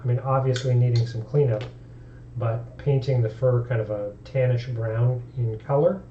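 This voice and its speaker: A man's voice: mid-range voice, steady tone, moderate pace, dull audio, a little hiss or hum. A man streaming about tabletop games, talking casually and thinking aloud in an easygoing way. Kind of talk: casual live-stream talk.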